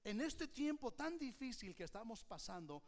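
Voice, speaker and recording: A man preaching an animated sermon as pastor, often having the congregation repeat his phrases back to him. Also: very high-pitched, moderate pace. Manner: uses a hook prop and a volunteer as live illustrations.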